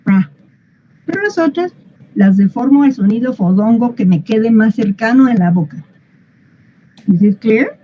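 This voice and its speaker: A woman's voice: fairly high pitch, animated, moderate pace, highs cut off, a little hiss or hum. A woman, explaining English pronunciation to a class in a patient, playful way and asking them questions. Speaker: English teacher.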